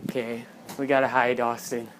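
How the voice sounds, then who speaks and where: A player chatting excitedly and incredulously during a hide-and-seek game. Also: mid-range voice, moderate pace. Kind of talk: casual gaming chat. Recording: noisy home capture with clicks.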